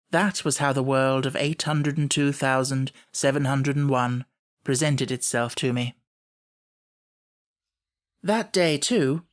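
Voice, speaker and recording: Reading literary first-person narration as an audiobook narrator, this man keeps a measured, formal storytelling style. His voice sits a little high.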